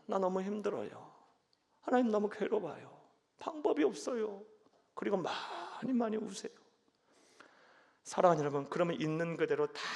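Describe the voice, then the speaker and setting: A male pastor preaching a sermon in a church. He alternates loud, emphatic declarations with soft, quiet lines. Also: high-pitched, creaky. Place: church sanctuary.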